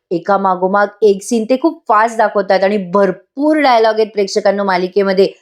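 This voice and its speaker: With a mid-range, darkish voice, a woman recaps a TV serial episode in a chatty voice-over. As a serial reviewer, she speaks straight to her viewers.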